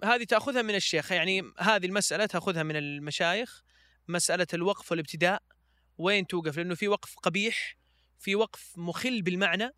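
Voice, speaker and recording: A man from Switzerland, a podcast guest, reciting the Quran in slow drawn-out chanting and talking casually with hesitant fillers. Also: high-pitched, bright, forceful tone, dry recording, studio quality.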